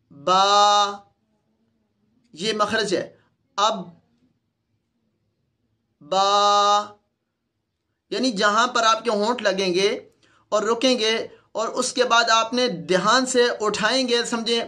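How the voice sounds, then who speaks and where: A man's voice: sits high, pushed and bright. A man with a Pakistani Urdu accent, a Quran teacher patiently demonstrating letter sounds for other teachers in a recorded lesson.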